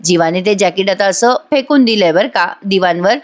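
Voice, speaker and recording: A woman's voice: mid-range voice, moderate pace. A woman narrating a voice-over recap of a TV serial episode in a chatty storytelling manner, talking to her listeners.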